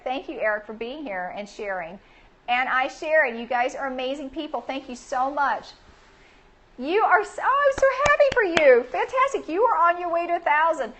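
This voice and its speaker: Casual livestream host, a bubbly middle-aged woman with a slightly high voice who keeps cheering viewers on. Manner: bubbly, cheers viewers with frequent squealed yays.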